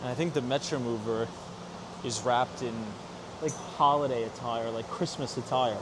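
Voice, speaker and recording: A man's voice: mid-range voice, steady tone, normal speed. Guy vlogging a walking tour, casual and chatty, street and train noise behind him. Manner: casual, chatty, talking to viewers. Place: outdoors in a city and on a train platform.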